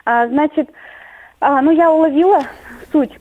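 A woman's voice: high-pitched, measured pace. A woman speaking as a guest psychologist over a phone line that keeps breaking up, talking hesitantly with many fillers. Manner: hesitant, thinking aloud with fillers. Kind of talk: casual radio chat. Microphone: telephone. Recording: tinny phone line with faint music behind.

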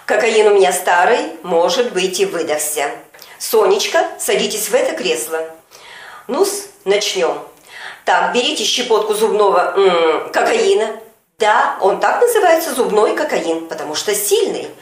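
A woman voicing a smug grown man who coaxes and patronizes, lowering her voice for him. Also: very animated, a little slow. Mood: coaxing. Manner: patronizing, coaxing. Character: smug adult man playing doctor. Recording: echoey room with music behind.

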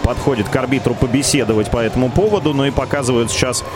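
A man giving live radio play-by-play of hockey in a measured, descriptive, detailed way. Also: mid-range voice.

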